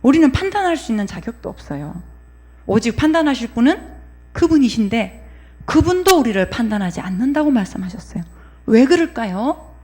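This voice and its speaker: High-voiced woman preaching conversationally. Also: very animated, a little fast, darkish tone. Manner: conversational, acts out inner voices and asks the congregation questions. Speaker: pastor. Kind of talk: sermon.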